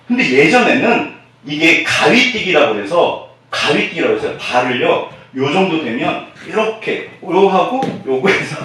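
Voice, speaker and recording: A man preaching a sermon as pastor. He keeps asking the congregation questions and swings from loud, emphatic bursts to near-whispered asides. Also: a little high, slight background noise. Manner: animated, call-and-response questions to the congregation. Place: church sanctuary. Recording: echoey church hall, mic at a distance.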